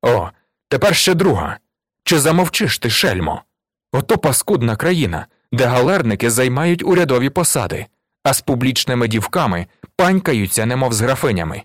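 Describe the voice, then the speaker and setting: Man doing a loud mocking police inspector, harsh, barking, dry close sound. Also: mid-range voice, very animated, moderate pace, no echo, lightly acted. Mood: scornful. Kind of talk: audiobook reading.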